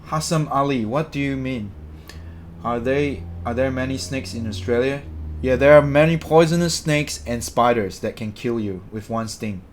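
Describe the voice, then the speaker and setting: A slight hiss or hum sits behind this young Malaysian streamer's mid-range voice as he speaks at normal speed. He replies to his chat casually, rambling and fixing his words as he goes.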